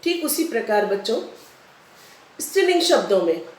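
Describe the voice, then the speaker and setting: Woman teacher, patient, keeps repeating examples for kids, fairly high voice, roomy echo. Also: big pitch swings, normal speed. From India. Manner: patient, repeats rules and examples, addresses children often. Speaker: school teacher. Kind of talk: recorded Hindi grammar lesson for children.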